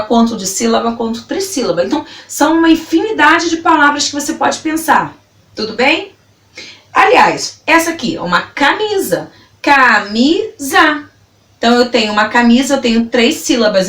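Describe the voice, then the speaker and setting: A woman teaches a grammar lesson, taking her time and sounding each word out syllable by syllable. Her voice sits a little high and swings up and down with lively emphasis. She is recorded from across an echoey room. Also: recorded from a distance. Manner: slow, spells words out syllable by syllable.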